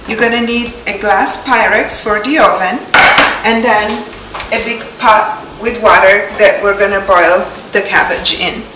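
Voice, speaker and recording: A woman with an Italian accent calmly walking through a recipe step by step in her home kitchen. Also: on the high side, very noisy. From Italy. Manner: calm, step-by-step explaining with fillers. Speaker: home cook. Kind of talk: cooking demonstration. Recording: echoey kitchen with clattering dishes.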